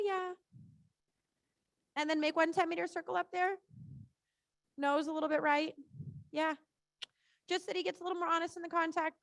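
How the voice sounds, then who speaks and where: Woman, riding instructor, high-pitched, reassuring, casual live coaching, repeated short cues, very little echo. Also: fairly bright tone. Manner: informal, reassuring.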